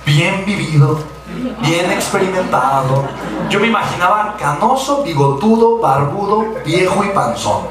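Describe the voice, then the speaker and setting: Mexican male motivational speaker, somewhat high voice, heard from across a roomy, echoing hall. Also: measured pace, a crowd in the background. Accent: Mexican Spanish. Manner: animated, acts out quoted voices, frequent tag questions. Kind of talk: motivational storytelling talk. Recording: echoey hall from far off.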